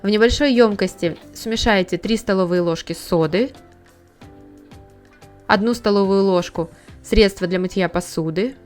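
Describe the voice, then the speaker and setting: A woman talks through a household cleaning task in a calm, instructive voice-over, one step at a time. Her pitch sits in an ordinary middle range. Soft music plays faintly behind her. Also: normal speed. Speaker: home cleaning tips host. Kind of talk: scripted how-to voice-over.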